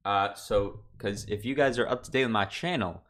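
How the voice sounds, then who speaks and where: A man's voice: lowish voice, moderate pace, fairly bright tone. A young man chatting casually on his livestream from home, rambling loosely with lots of fillers and restarts. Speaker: streamer.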